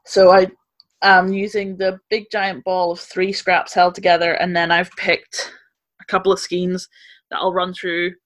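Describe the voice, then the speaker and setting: A woman co-hosting a podcast over a video call from her flat, chatting in a detailed, laughing way. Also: on the low side, measured pace. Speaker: podcast co-host. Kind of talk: casual chat. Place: main room of a flat at night.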